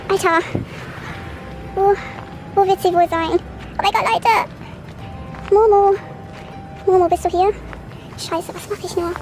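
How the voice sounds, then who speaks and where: Young woman, sped-up squeaky voice, very high pitch, nervous horror vlog, music playing under her. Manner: anxious, keeps calling the viewers "Leute". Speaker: vlogger. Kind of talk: horror challenge vlog to camera. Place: in a car and outdoors at night.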